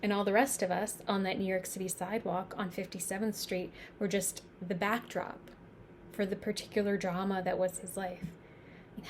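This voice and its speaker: A woman playing a reflective New Yorker in an intense dramatic stage monologue, speaking in a halting, confiding way. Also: mid-range voice, a little hiss or hum, close to an everyday voice. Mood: grave, then intense, questioning. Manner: halting, confiding, pausing and repeating words for emphasis. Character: reflective New York woman musing on mortality. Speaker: actor performing a stage monologue.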